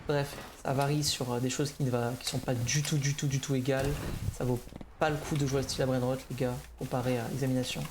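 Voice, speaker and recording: A man's voice: medium pitch, level tone, brisk. A young man giving a casual, unscripted update to gaming viewers, hesitant and slightly nervous, often restarting his sentences. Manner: slightly nervous, neutral delivery. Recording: clear background noise, clicks.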